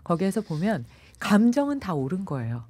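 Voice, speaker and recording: A woman meditation expert talks on a radio program with a mellow, slightly low voice. Her delivery is animated and swings widely in pitch as she acts out other people. The studio sound is dry and close. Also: a little fast, slightly rough, no room sound. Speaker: meditation yoga expert guest. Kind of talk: radio talk interview.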